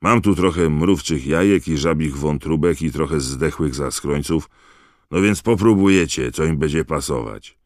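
A huge, gruff gamekeeper booms out his words with rustic warmth, as a man voices him in an audiobook. The voice sits very deep and close, with a dry sound. His delight in monsters drives a hearty, loud delivery. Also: normal speed, dry recording. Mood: proud, hearty.

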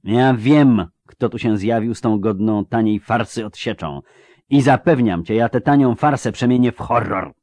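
A man's voice: medium pitch, moderate pace, a little mellow, dry recording, voice pushed up, natural voice. A man voicing a cold, menacing male sorcerer who threatens and gives orders. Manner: commanding, threatening.

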